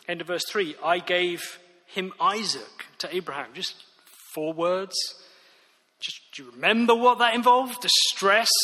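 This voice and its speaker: A man's voice: sits high, pushed and bright. A man preaching a sermon, earnest and emphatic, returning again and again to key phrases. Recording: reverberant hall.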